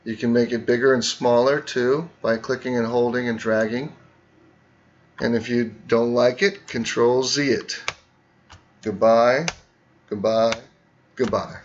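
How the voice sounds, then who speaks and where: A male teacher guides students through an on-screen tutorial, deliberately and unhurriedly explaining each click step by step. His middling-pitched voice has fairly even intonation, and the recording is a bit dull and lo-fi with slight hiss or hum.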